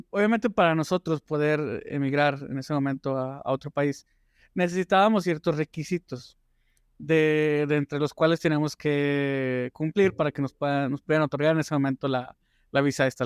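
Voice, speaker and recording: A man's voice: on the high side, clean tone, dry recording, clean studio sound. Chatty man hosting an interview. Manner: friendly, chatty questioning. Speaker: interview host. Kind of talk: casual interview.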